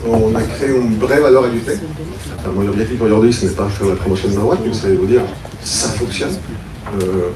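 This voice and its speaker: A man from Mexico, a startup founder, giving a conference pitch talk and explaining his idea in a casual, thinking-aloud way. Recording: roomy, distant mic, audible room noise.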